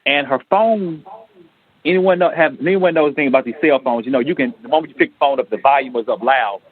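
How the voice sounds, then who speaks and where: A man on a radio talk show telling a personal story in an earnest, halting way, acting out the lines of the people in it. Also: medium pitch, breathy edge. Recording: tinny phone-line radio audio.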